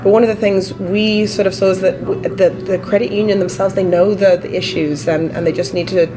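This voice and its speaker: A woman with a hoarse, croaky frog voice from a touch of flu, talking haltingly and thoughtfully as a guest in a casual interview. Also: mid-range voice, fairly even intonation, over music, low-quality recording. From Canada. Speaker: interview guest, credit union employee. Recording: busy conference chatter behind. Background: crowd at a conference.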